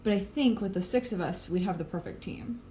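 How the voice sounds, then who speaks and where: Here a woman voices the same kind of role: a superpowered team's planner in an audio drama, sardonic and matter-of-fact, confidently scheming. She has a natural, dark-toned voice at medium pitch, speaks fairly quickly, and swears in a casual, plain-spoken way over a recording free of background noise.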